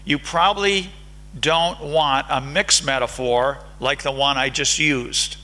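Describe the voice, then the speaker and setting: A man's voice: a little high, slow pace, bright, forceful tone, low-quality recording. A man with an American accent giving an academic lecture at a conference, engaging the audience by putting questions to them. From United States. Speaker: conference speaker. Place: lecture hall.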